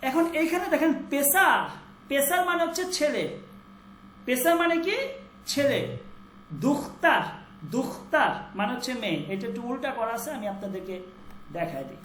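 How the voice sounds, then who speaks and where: A woman teaching a Persian class who says each word again and again slowly and keeps quizzing her students. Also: sits high, expressive, a bit bright, roomy sound, faint music behind. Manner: drills words by repeating them slowly, quizzes students. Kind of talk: online class lesson.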